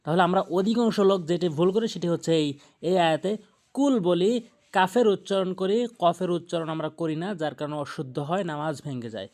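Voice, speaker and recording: Man teaching slow, drawn-out Quran recitation. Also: a little high, darkish tone. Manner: slow, drawn-out recitation alternating with plain explanation. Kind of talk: tajweed lesson, spelling and reciting.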